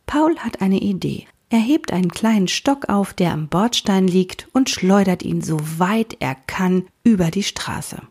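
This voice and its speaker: A woman calmly narrating a children's audiobook story. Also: mid-range voice, measured pace, hardly any pauses, breathy edge.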